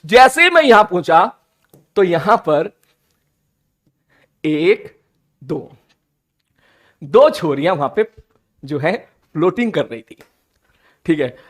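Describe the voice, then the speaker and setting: A man, telling a funny personal story in a playful, animated, teasing way, like a teacher chatting with his class. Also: high voice, slow, pauses often. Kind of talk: casual storytelling.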